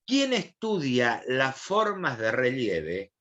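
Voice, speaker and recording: Argentine teacher with a lively voice. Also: male voice, medium pitch, slow, muffled recording. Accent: Argentine Spanish. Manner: questioning, explanatory, colloquial. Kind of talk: online class lecture.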